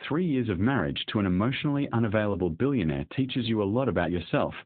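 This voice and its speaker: A man voicing a resolute young wife who is done being passive, read in a steady, even way. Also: fairly low pitch, fast, slightly rough. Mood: tender. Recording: dry, tinny phone-like sound.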